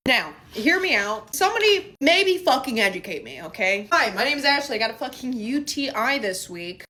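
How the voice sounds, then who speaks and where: A woman's voice: fairly high pitch, big pitch swings, moderate pace, pushed and bright. A woman venting to camera, incredulous and swearing emphatically. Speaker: social media poster.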